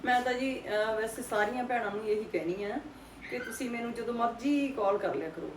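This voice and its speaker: A middle-aged woman from Punjab, talking to her viewers in a soft, sorrowful and consoling way, often adding little tag questions. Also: on the high side, brisk, a little hiss or hum. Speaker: vlogger. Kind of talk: casual heartfelt talk to viewers.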